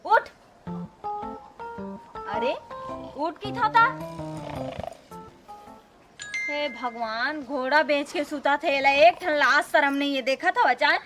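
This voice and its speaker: A woman's voice: high voice, expressive, slow, pauses often. A woman with a Chhattisgarhi accent playing an exasperated, sarcastic village sister-in-law who nags in a broad comedy skit. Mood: exasperated, scolding. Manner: nagging, sarcastic. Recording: loud music behind dialogue.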